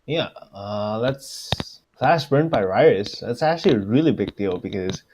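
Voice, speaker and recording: A man's voice: lowish voice, measured pace, slight background noise. A man co-casting a live esports match, calling the action with lots of "um" and "uh". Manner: lively, with frequent "um" and "uh". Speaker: esports co-caster.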